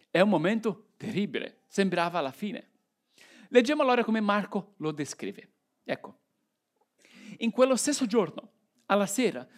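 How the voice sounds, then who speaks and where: A man delivers a sermon in a reflective tone. He reads scripture aloud and then unpacks it, asking his listeners rhetorical questions as he goes. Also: high-pitched. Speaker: preacher. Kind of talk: sermon with Bible reading.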